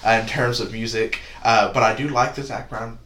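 A man's voice: medium pitch, steady tone, moderate pace, pushed and bright. A nineteen-year-old man talking as a podcast guest, rambling casually with lots of "uh" and "like" fillers. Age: teens. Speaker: podcast guest, spoken word poet. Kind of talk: casual interview chat. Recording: echoey room with faint noise.

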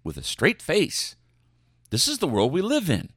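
A male podcast host with a dramatic, extremely animated delivery that leaps and dips in pitch. He reads news aloud and comments with sarcasm and mock outrage, in a close, very dry recording. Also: a little slow, breathy edge, no room sound.

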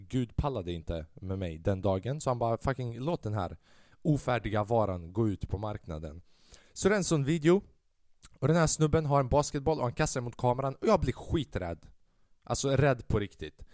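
A man's voice: mid-range voice, darkish tone, no room sound, studio quality. A young man hosting his own podcast, rambling and self-mocking, swearing a lot and dropping English phrases into casual talk. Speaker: podcast host. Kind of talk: casual solo podcast monologue.

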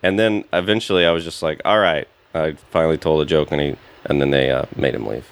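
A man's voice: rumbling low, fast talker, clean tone. A man, a stand-up comedian, chatting casually and telling a story, acting out the lines of the people in it. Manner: storytelling, acts out quotes. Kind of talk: casual chat.

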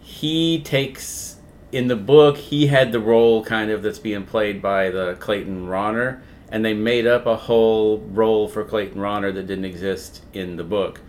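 Lowish-voiced man retelling a movie. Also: unhurried, slight background noise. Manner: profane, animated retelling. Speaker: podcast co-host. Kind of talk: casual movie chat.

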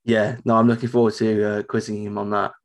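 Casual British male co-host, lowish pitch, sounding ropey with tonsillitis. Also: level tone, fast talker. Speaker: podcast co-host. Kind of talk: casual chat.

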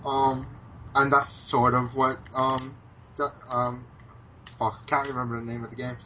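An American man chatting on a podcast, his voice bright and forceful. He stumbles through plenty of ums and restarts and swears casually. The recording is dull and lo-fi, with a faint hiss behind him. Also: medium pitch, little pitch movement, unhurried. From United States. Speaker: podcast co-host. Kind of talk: casual chat about video games.

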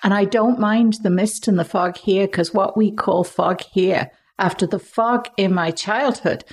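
An older woman from England, a podcast guest, telling vivid childhood stories expressively and hushing her voice for suspense. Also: mid-range voice, unhurried, husky. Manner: expressive, dropping to hushed tones for suspense.

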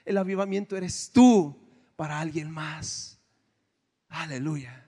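Man, pastor preaching, high voice, long hall reverb. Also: takes it slowly, breathy edge. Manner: impassioned, swings from hushed to shouting. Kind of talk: sermon.

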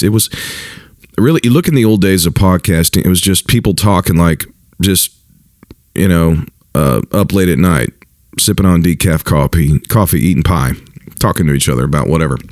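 A man in his forties, a pastor hosting his own podcast, talking in a casual monologue with an earnest, animated manner and frequent restarts. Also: sits low, dry recording, clean studio sound. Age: 40s.

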